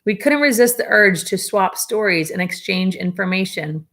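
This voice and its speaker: At a steady pace and medium pitch, a female teacher reads her students a memoir, catching and fixing little slips. Every so often she adds a relaxed aside for the class.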